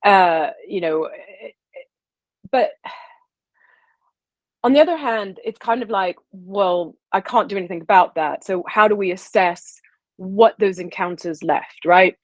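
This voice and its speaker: A woman from the American South, a historian guest on an interview podcast, talking in halting phrases with many restarts. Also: mid-range voice, dry recording. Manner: halting, restarts, frequent laughs.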